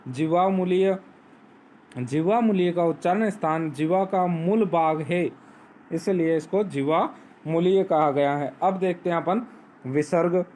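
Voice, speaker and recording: A man teaching a grammar lesson, explaining step by step, asking questions and answering them himself, and reciting rules slowly. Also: a little high, a little mellow, slight background noise. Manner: recites Sanskrit sutras slowly. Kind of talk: Hindi grammar lesson on phonetics.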